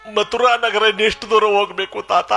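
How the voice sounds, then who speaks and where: A man's voice: high-pitched, fairly even intonation, a little fast, gravelly, bright, forceful tone, soft background music, pitched below the performer's own voice, heavily acted. A man voicing a pleading, humbled princess. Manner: pleading, self-abasing. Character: poor, humbled princess, sister of a king.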